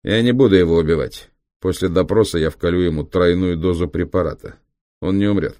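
A man reading an audiobook, voicing a cold, ruthless German male biochemist with a creaky, reproachful voice. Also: low voice, fairly quick, mellow, no echo, clean studio sound, natural voice. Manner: reproachful, dismissive.

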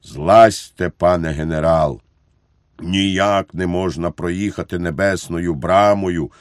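A man voicing a calm, deferential army chauffeur who speaks matter-of-factly. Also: sits low, takes it slowly, no echo, clean studio sound. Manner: calm, matter-of-fact, polite.

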